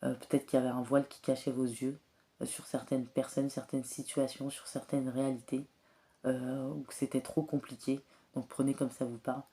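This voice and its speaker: A tarot and oracle card reader gives a spiritual guidance reading in a soft, extremely low, monotone voice. She has a cold and clears her throat often. She speaks hesitantly, with many filler pauses.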